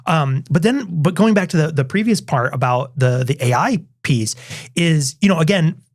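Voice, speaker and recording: Brief: male podcast co-host, a bit high-pitched, very lively intonation, eager improvising chatter. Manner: animated, enthusiastic, quick to laugh. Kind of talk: casual improvised conversation.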